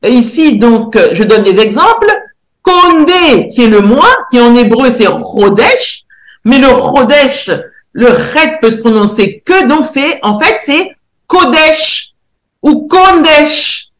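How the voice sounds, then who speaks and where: A woman researcher giving a lecture presentation, pausing often to search for words and spelling out sounds slowly and carefully. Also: on the high side, lively intonation, roomy sound. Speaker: researcher and theologian presenting a decoding.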